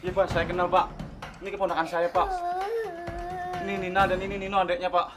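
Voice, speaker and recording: A man's voice: high-pitched, level tone, a little fast, over loud music, close to an everyday voice. An actor playing a distraught uncle who finds his young nephew, anxious and tearful. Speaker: uncle of the children.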